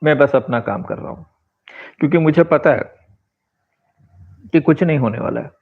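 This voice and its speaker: A man's voice: a little high, vocal fry, breathy edge. A man in his forties from India, giving a rambling, reflective personal monologue and slipping into English phrases. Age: 40s. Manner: rambling, switches into English phrases, fills pauses with asides. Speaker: vlogger and author. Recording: tinny phone-like sound.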